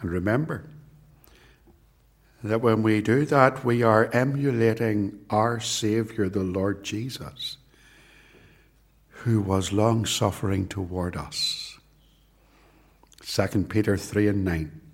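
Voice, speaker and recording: Slow, deliberate male preacher. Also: lowish voice, steady tone. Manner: deliberate, rhetorical repetition. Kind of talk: sermon with scripture reading.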